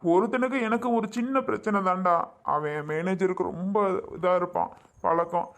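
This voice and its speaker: A high-voiced man acting out a down-on-his-luck family man in a short drama skit. He talks in a pleading, complaining way, as if pouring out his troubles. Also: normal speed, creaky. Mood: aggrieved.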